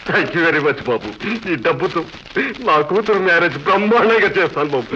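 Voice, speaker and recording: A man's voice: fairly high pitch, lively intonation, a little fast, noisy background, lightly acted. A man playing a fawning greedy minister. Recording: dull lo-fi film audio with loud score.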